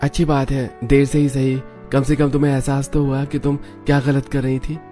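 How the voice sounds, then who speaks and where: A calm grown-up husband in a cartoon speaks low and dark, with hardly any rise or fall, as a woman puts him on. His tone is measured and approving. Soft music plays faintly underneath. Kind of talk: animated story narration.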